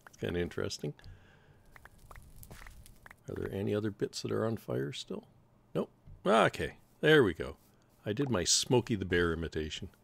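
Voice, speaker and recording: A middle-aged man with a low, gravelly voice walks through his game session in a relaxed, rambling way, thinking aloud as he goes. He drops dry little jokes between his plans, speaking close to a desk microphone. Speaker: gaming channel host. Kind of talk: casual let's-play commentary.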